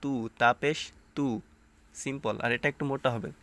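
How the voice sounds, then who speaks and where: A man's voice: medium pitch, fairly even intonation, moderate pace, dry recording. A man with a Bangladeshi Bengali accent teaching Quran reading, spelling out each letter and vowel sign aloud and then explaining common pronunciation mistakes. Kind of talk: slow spelled-out recitation lesson.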